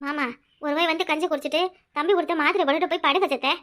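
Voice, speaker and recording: A woman with a Tirunelveli Tamil accent voicing scolding village women in a cartoon, shrill and nagging. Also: steady tone, rapid-fire, bright, forceful tone. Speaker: voice artist playing several village women.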